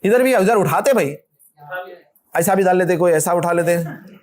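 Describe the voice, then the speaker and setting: With a high-sitting voice and a South Indian Hindustani accent, a man hosts a marriage workshop as a relaxed religious talk. He keeps things animated and conversational, ribbing his listeners and performing quick impressions.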